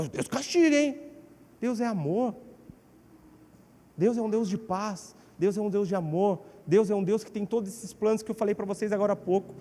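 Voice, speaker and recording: Brazilian pastor guy preaching in a church, high pitched and all over the place, big hall reverb. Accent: Brazilian Portuguese. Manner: animated, acts out quotes with shifting pitch. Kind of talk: sermon.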